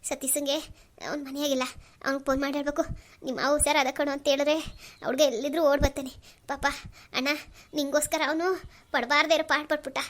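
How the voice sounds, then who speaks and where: A woman's voice: sits high, level tone, fairly quick, pauses often, close to an everyday voice. A woman voicing a pious, devoted older sister in a cartoon, emotional and full of blessings. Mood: tearful. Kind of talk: cartoon voice acting.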